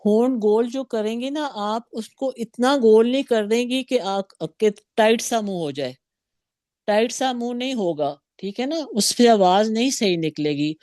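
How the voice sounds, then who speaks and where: A woman's voice: on the high side, animated, warm tone, dry recording, clean studio sound. A woman teaching a Quran recitation lesson, patiently drawing out syllables and words for students to repeat. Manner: patient, drawn-out demonstrations of syllables. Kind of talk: slow Tajweed lesson, modelling sounds for repetition.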